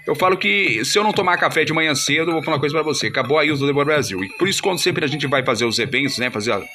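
Chatty host with music behind. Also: male voice, a little high, lively intonation, rapid-fire, pushed and bright. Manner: slangy, repeats filler words like "meu" and "mano". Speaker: radio-style host. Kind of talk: casual chat with sponsor shout-outs. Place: studio. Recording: music playing clearly behind.

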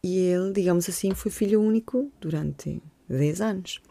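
Female podcast host, 40s, low gravelly voice, flat intonation, soft personal storytelling. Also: normal speed, dry recording. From Colombia. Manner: gentle, reflective, with frequent hesitations and repeated words.

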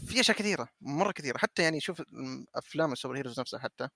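A man's voice: medium pitch, lively intonation, rapid-fire, creaky, pushed and bright, no room sound. A man in a casual film discussion, speaking mixed with English words as a co-host. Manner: mixes English words into Arabic.

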